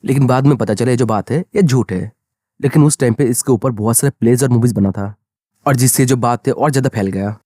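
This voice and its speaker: A calm, confident young male hero, as a male narrator puts him on in a manga recap. He lays things out firmly and matter-of-factly in a mellow, low-key tone. The pace is quick and the sound dry. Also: no room sound, natural voice. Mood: steady.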